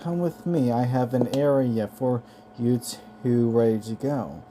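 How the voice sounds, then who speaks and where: A man voicing a kind female veterinarian in an amateur audiobook reading, speaking softly and reassuringly. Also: mid-range voice, measured pace, slight background noise, close to an everyday voice.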